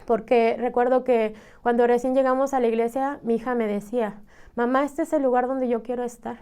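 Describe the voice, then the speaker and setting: A woman's voice: on the high side, steady tone, a little fast, warm tone, clean tone. A woman with a Mexican Spanish accent giving an earnest, emotional personal testimony, often adding "¿no?" and "este" as fillers. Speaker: church member giving testimony.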